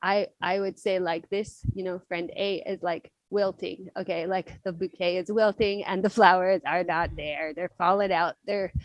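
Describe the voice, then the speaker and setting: A woman's voice: fairly low pitch, steady tone, moderate pace, hardly any pauses, no echo, dull audio. A young woman chatting as a guest on a podcast, rambling and playful, with lots of fillers and little acted voices. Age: young adult. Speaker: podcast guest, club member. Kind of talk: casual podcast chat.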